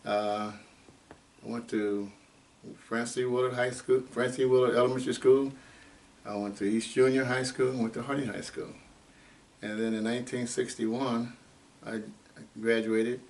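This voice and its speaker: A man in his eighties from Ohio, telling his life story in an oral history interview at an unhurried, rambling pace with many fillers. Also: medium pitch, level tone, darkish tone. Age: 80s. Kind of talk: unscripted life-story reminiscing. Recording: distant mic with faint background noise.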